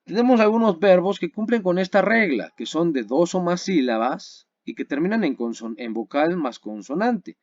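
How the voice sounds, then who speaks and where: A man teaching English grammar in a webinar, explaining patiently, checking in with his students often, and slowing down to spell and model words. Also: high voice, sing-song, no echo, muffled recording.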